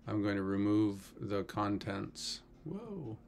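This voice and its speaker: Gravelly low-voiced man teaching code. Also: big pitch swings, slow, slight background noise. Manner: casual, wry, with many fillers. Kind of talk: screen-recorded coding tutorial.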